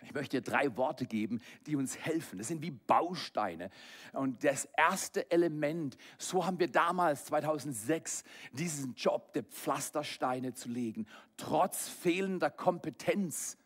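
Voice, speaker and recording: A pastor preaches with a fairly high voice. He drops into hushed, low asides, then rises into loud, raised passages. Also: a little slow. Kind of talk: sermon.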